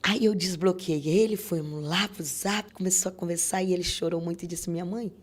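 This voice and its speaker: A woman's voice: on the low side, fairly even intonation, normal speed. A middle-aged woman with a Brazilian Portuguese accent giving an earnest religious testimony and acting out the dialogue she recalls. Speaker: church member giving testimony.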